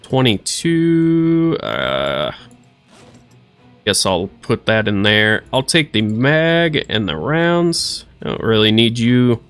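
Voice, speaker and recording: Narrating a survival game as he plays, a let's play streamer in his thirties talks to himself goofily and tries out silly voices. His mid-range voice is sing-song, slow, a bit bright, clear and resonant, with faint music behind him.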